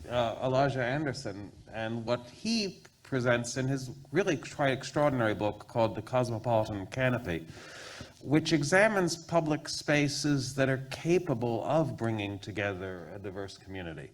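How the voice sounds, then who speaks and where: Masked male panelist, deliberate and scholarly. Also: medium pitch. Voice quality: speaking through a face mask. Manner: deliberate, wordy, with self-corrections. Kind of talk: considered, scholarly panel remarks.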